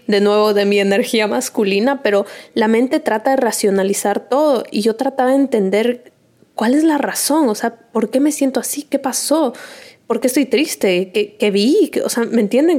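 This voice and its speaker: A woman's voice: fairly high pitch, mellow. A young woman casually telling viewers a personal story, chatty, laughing often and slipping in English words. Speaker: vlogger.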